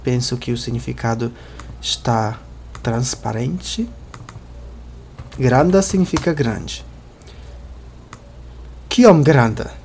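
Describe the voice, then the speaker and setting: A man's voice: mid-range voice, gravelly, darkish tone, a little hiss or hum. Patient man teaching Esperanto. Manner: explanatory, slow careful pronunciation of example words. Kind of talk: language lesson, reading example sentences and translating.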